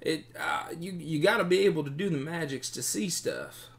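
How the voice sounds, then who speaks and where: A man's voice: on the high side, normal speed, vocal fry, a bit bright, voice pushed up. A man voicing a nervous, stammering captive bandit who speaks in a raised, anxious voice.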